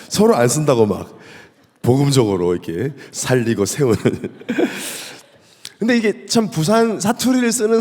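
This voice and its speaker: A male pastor with a Gyeongsang accent, giving a lively, humorous sermon and asking the congregation questions. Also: medium pitch. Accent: Gyeongsang Korean. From South Korea. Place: church sanctuary. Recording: echoey church hall.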